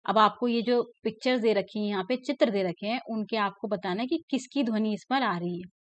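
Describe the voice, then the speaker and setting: A woman's voice: mid-range voice, dry recording. A woman teacher, patiently explaining a lesson to young children and often checking that they follow. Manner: patient, repeats words slowly and checks in with "ठीक है ना". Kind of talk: classroom lesson explaining a textbook. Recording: dull, lo-fi, dry sound.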